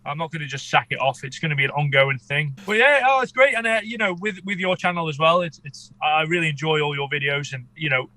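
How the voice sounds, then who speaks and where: Male interview guest, casual, congested underwater-sounding voice from a cold, slightly high, very bright. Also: fast talker, few pauses, dry recording, low-quality recording. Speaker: podcast guest, amateur shark expedition filmmaker.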